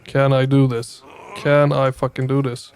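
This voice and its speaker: A man's voice: mid-range voice, flat delivery, a little slow, darkish tone. A man giving a casual scripted video game review in a colloquial, emphatic, playful way.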